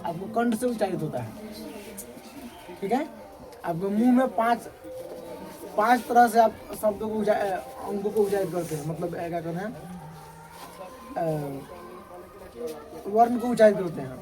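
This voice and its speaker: A man's voice: high voice, lively intonation, moderate pace, long pauses, low-quality recording. Man drilling sounds in class. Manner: drills sounds aloud, repeats and checks students. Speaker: teacher. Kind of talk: classroom grammar lesson. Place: classroom with pupils.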